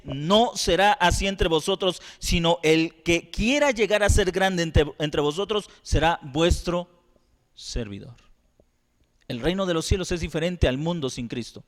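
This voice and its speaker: A man's voice: high voice, unhurried, distant mic. A pastor preaching a sermon, emphatic and full of rhetorical questions to his congregation. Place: church sanctuary. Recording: echoey hall, voice from off-mic.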